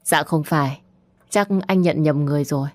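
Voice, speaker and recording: A woman voicing a gentle, guarded young mother in an audio story. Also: low voice, moderate pace, dry recording, close to an everyday voice. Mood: tender.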